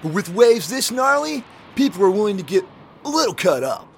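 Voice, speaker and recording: High-voiced gung-ho surfer dude. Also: male voice, very animated, a little fast, slight background noise. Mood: stoked. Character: laid-back gung-ho male surfer dude, contest organizer. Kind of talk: radio news parody soundbite, surfer slang.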